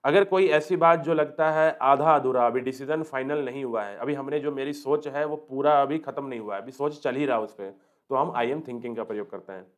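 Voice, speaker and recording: Man teaching English grammar in Hindi. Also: medium pitch. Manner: explains slowly in Hindi, reads English example sentences aloud word by word; asks students rhetorical check questions. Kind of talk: exam-prep grammar lesson.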